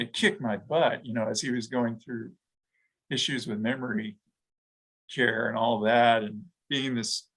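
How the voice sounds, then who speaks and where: A middle-aged man, a guest in an interview, talking reflectively with frequent pauses, fillers and restarts. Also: medium pitch, fairly bright tone, poor audio. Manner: halting, thoughtful, many restarts and fillers. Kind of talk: reflective conversation.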